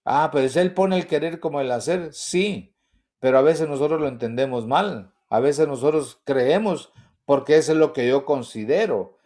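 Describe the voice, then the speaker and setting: A man's voice: on the high side, normal speed, darkish tone. An older man, a pastor, preaching an earnest testimony sermon full of repetition and rhetorical questions.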